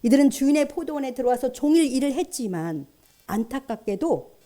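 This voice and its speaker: A woman pastor delivers a sermon in a mellow, somewhat high voice. She speaks earnestly and keeps turning to the congregation with rhetorical questions. Her delivery is warm-toned. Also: very animated, a little fast.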